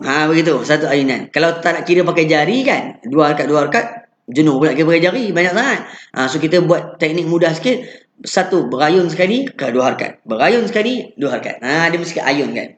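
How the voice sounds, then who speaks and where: A man with a Malaysian Malay accent teaching Quran pronunciation, patiently drilling syllables and chanting verses slowly. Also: on the high side, lively intonation, echoey room. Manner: chants the verse in slow drawn-out recitation.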